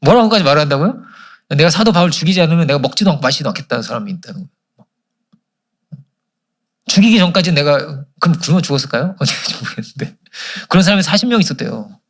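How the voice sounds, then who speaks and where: Fast, lively Korean pastor preaching. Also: male voice, fairly high pitch, vocal fry. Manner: animated, asks the congregation questions and answers them. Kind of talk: sermon. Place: church service.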